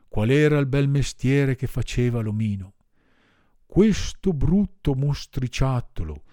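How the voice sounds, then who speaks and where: A man narrating a children's classic audiobook in a measured, expressive way. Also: medium pitch, dry recording, clean studio sound. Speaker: audiobook reader.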